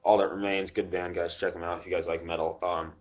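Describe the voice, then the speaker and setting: Low-voiced young man, lip full of dip. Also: level tone, fast talker. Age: 20s. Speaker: product reviewer vlogger. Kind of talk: casual unscripted product review, swearing freely. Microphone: webcam microphone at arm's length. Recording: dull lo-fi webcam audio.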